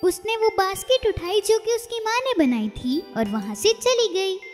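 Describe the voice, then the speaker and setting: A woman narrating a storybook cartoon in an expressive, storytelling way. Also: extremely high pitch, moderate pace. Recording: reverberant, with music underneath.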